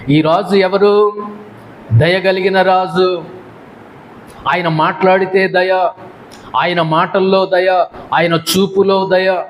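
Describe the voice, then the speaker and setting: A man's voice: sits high, slight background noise, poor audio. A male pastor delivering a sermon, with repeated refrains and rhetorical questions.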